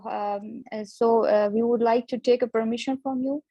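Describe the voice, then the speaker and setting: Halting, hesitant woman student. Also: on the high side, steady tone, warm tone, no echo, muffled recording. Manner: hesitant, many fillers, halting English. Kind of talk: role-play practice call. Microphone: video call.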